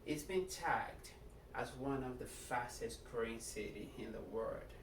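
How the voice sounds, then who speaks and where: Middle-aged Nigerian man, student self-intro, earnest and deliberate, mid-pitched voice picked up from across a room with background hum. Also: expressive. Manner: earnest, deliberate, in short phrases. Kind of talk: prepared self-introduction speech. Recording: echoey room, distant mic, background noise.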